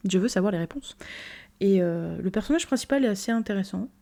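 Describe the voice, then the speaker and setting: A woman's voice: mid-range voice, lively intonation, brisk, gravelly, dark tone. A young woman casually reviewing anime, rambling with many fillers and repeated "very, very".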